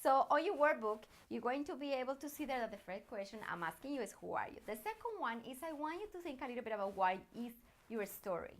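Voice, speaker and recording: A native Spanish speaker with a Colombian accent and a fairly high voice coaches viewers on personal branding, addressing them directly. She talks fast with lively intonation, sounding encouraging and earnest, like a motivational lesson.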